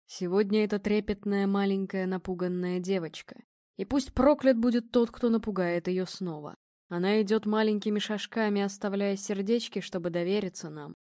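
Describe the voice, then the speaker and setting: A woman's voice: medium pitch, steady tone, normal speed, warm tone, dry recording, lightly acted. Lady doing a weighty bossy psychic guy from a storybook, dry close sound. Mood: commanding. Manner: confident, weighty, commanding. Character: confident imposing male medium and clairvoyant.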